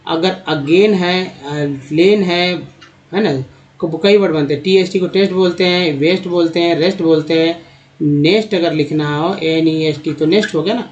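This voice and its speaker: A man teaching English reading in a Hindi-language phonics lesson, steadily spelling out letter groups and repeating their sounds. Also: sits high. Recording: dull lo-fi recording.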